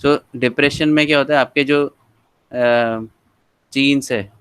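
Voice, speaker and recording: A man's voice: mid-range voice, fairly even intonation, unhurried, a bit bright, clear, resonant tone, no room sound, low-quality recording. A man teaching genetics, checking in often with his listeners. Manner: explanatory, frequent "theek hai" check-ins. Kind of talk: casual lecture mixing Hindi and English.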